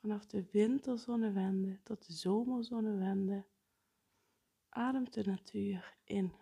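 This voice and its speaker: A woman guiding a breathing meditation in a soft, partly whispered, unhurried way. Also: mid-range voice, fairly even intonation, gravelly, breathy edge. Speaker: meditation guide.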